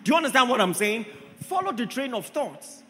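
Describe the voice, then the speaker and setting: High, lively-voiced preacher in a hall. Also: male voice, a little fast. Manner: emphatic, repeats rhetorical questions to the congregation. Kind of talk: sermon.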